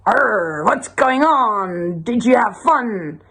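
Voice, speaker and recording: A woman's voice: a little high, lively intonation, slow pace, a bit bright, breathy edge, exaggerated voice. A woman voicing a cheerful old male pirate ghost who growls "arr" exclamations. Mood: gruff cheerful.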